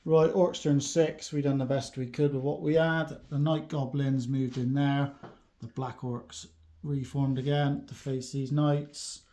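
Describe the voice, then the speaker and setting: A man casually recapping his army's turns in a tabletop battle report, chatty and quick to laugh. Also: medium pitch, level tone, dark tone.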